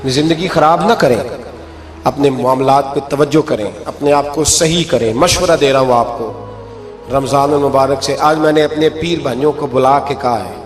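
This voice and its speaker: A man preaching a sermon in a mosque, emphatic, his voice climbing sharply when he acts out the people in his stories. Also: medium pitch. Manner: emphatic, rises sharply when acting out quoted speech. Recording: echoey hall with faint music.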